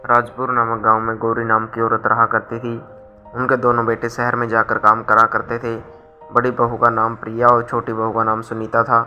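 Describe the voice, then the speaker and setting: A man narrating a scripted moral story in an even, steady way. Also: mid-range voice, normal speed, highs cut off, soft background music.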